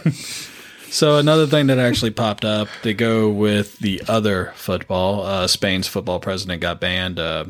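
A man's voice: lowish voice, steady tone, moderate pace. A man co-hosting a casual sports podcast, talking loosely with lots of fillers and laughs between points. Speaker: podcast co-host.

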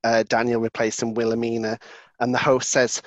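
A man's voice: mid-range voice, completely flat delivery, moderate pace, dry recording. A man co-hosting a podcast, chatting casually, laughing often and acting out favourite quotes. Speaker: podcast co-host. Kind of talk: casual chat.

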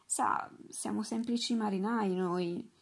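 A woman reading aloud voices a gruff male sailor who mutters and grumbles in a storybook. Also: mid-range voice, steady tone, takes it slowly, exaggerated voice. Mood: grumbling.

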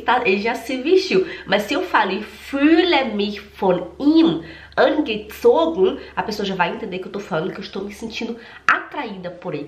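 A woman's voice: fairly high pitch, fairly bright tone. A Brazilian woman teaching German in an online lesson, sounding congested from a cold and drilling pronunciation by repeating words carefully. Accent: Brazilian Portuguese. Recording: roomy echo.

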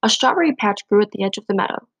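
A woman reading a children's picture book aloud, with gentle, steady storytelling. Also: mid-range voice, very fast, no echo, poor audio. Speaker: storybook reader.

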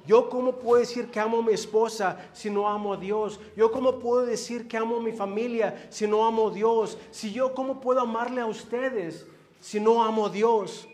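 A man preaching a sermon in a slow, earnest way, with frequent filler words. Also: very high voice, steady tone, darkish tone. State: dizzy.

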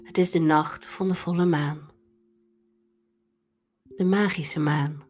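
A woman leading a guided meditation in a soft, breathy, soothing delivery over instrumental music. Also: low-pitched, steady tone, slow.

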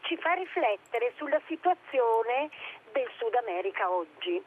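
An older woman calling in to a radio show over a phone line, talking in an earnest, slightly halting way. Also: fairly high pitch, sing-song. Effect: heard over a phone line. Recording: tinny phone line with faint hiss.

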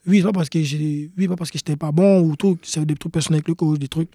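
Young male athlete guest, quick earnest delivery, warm tone, dry close mic. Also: fairly high pitch, steady tone, dry recording. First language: not English. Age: young adult. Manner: repeats key points, earnest. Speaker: guest, pro soccer player. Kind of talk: casual interview talk.

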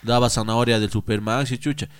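Ecuadorian man, mid pitch, loose, swearing comic storyteller for a podcast. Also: steady tone, a little fast, smooth. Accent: Ecuadorian Spanish. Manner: slangy, swears often, acts out voices in his stories. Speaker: podcast co-host. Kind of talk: casual comedic storytelling.

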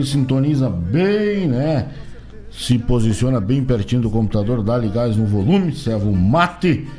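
A man with a gaúcho Brazilian accent hosting folksy live radio with showy, ringmaster-like drawn-out words, light music behind him. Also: mid-range voice, mellow. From southern Brazil, from São Borja. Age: late 30s or older. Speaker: radio host. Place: radio studio.

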